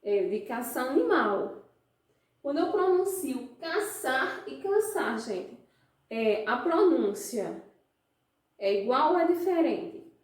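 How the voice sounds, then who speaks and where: A Brazilian woman teaches a class at an unhurried pace, her fairly high voice checking in with the students again and again. She sounds some way off from the mic, and the room around her is very echoey. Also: big pitch swings, darkish tone, recorded from a distance. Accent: Brazilian Portuguese. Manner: explains slowly, asks the class frequent check questions. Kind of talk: classroom lesson.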